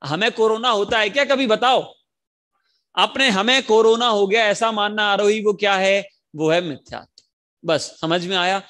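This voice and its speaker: A young man teaching an online religion class to children, coaxing them to repeat lines and chanting verses slowly over a video call. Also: high voice. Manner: animated, coaxing kids to repeat lines aloud.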